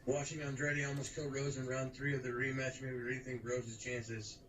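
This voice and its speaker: A male co-host talks in a casual, chatty way and plugs a contest with eager energy. His voice comes through an echoey room with a faint hiss underneath. The pitch sits mid-range. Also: level tone, normal speed, fairly bright tone, dull audio. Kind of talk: casual chat.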